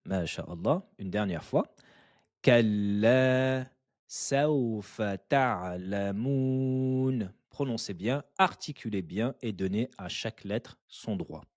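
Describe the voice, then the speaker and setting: A man's voice: on the low side, animated, husky, no echo, studio quality. A man teaching Quran recitation step by step, patiently repeating syllables and encouraging the learner. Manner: patient, drills syllables slowly and repeats them; encouraging, praises the learner often. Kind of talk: step-by-step tajwid lesson.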